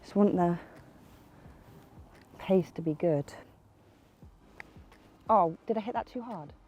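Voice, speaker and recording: A young woman with a lowish, darkish voice speaks slowly on a muffled recording as she narrates her own golf round outdoors. A golf vlogger, she keeps up chatty, self-mocking running commentary, talking herself through every shot.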